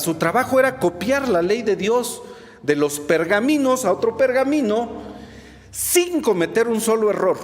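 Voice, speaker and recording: Male preacher, high and very animated delivery, long hall reverb. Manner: expressive storytelling, rhetorical asides to the congregation. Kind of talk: sermon. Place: church hall.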